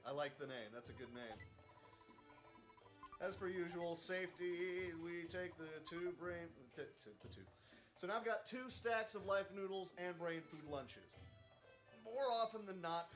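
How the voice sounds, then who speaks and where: A man's voice: sits high, a bit bright. A man giving loose, chuckling commentary while playing a game speedrun, rambling and poking fun at himself. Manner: rambling, chuckling, self-deprecating. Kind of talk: casual live game commentary.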